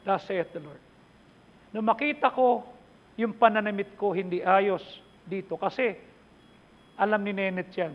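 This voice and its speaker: A man's voice: sits high, measured pace, pauses often, a little hiss or hum. A middle-aged man with a Filipino accent, preaching a chatty, conversational sermon with asides to the congregation. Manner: mixes Tagalog and English, chatty asides to the congregation. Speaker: pastor. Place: church hall. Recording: dull reverberant church hall recording.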